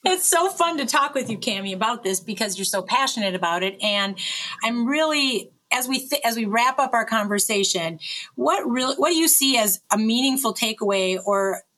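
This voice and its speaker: A woman with a somewhat high voice hosts a podcast interview. She affirms her guest and asks questions. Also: animated, moderate pace, a bit bright. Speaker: podcast host.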